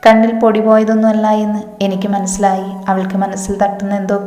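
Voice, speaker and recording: A woman's voice: mid-range voice, level tone, fast, warm tone, soft background music, lightly acted. A woman voicing an anxious, bossy young man who is a loyal friend, speaking impatiently, in a roomy echo with long reverb. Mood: pressing.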